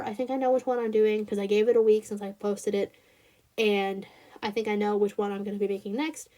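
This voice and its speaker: A woman's voice: fairly high pitch, dark tone. A woman with a Southern US accent hosting a casual review vlog, rambling with lots of fillers and restarts and talking straight to her viewers. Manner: chatty, addresses viewers directly. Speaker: channel host.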